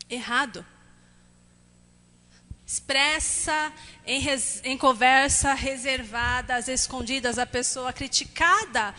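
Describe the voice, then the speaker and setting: A woman pastor with a Brazilian Portuguese accent, preaching a lively, conversational sermon in a church. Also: sits high. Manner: lively, conversational preaching with quick acted asides. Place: church hall. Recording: church hall with long reverb.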